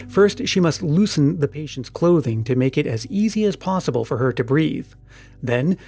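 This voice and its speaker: A man reading a story aloud in even, measured narration that slows for dramatic moments. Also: a little high. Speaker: audiobook narrator. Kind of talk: scripted narration.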